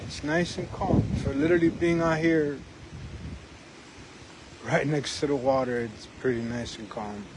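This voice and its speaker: A man's voice: medium pitch, steady tone, a little slow, pauses often. A man chatting casually on a live vlog outdoors by the water. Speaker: live streamer. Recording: outdoor recording with wind noise on mic.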